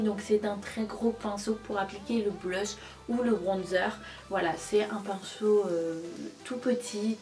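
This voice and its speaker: A young beauty vlogger with a medium-pitched, slightly mellow voice reviews a makeup palette for her channel. She's casual and enthusiastic, often repeating words for emphasis.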